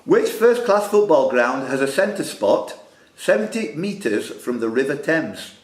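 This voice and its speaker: A man hosts a club-room quiz in a sing-song voice that's on the high side and a little slow. Between questions he bantered playfully, teasing the players. The recording carries room echo and background noise.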